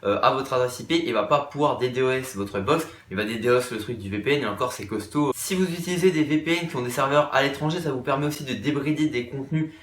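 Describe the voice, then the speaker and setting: A man's voice: mid-range voice, fast talker, hardly any pauses, fairly bright tone, reverberant, a little hiss or hum. A man presenting a casual tech explainer to viewers in an upbeat, chatty way. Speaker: tech YouTuber.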